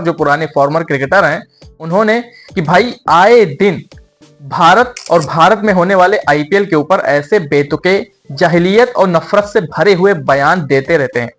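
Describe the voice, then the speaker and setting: A man hosting a reaction video, excited and mocking as he introduces the clip. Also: on the high side. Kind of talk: casual chat.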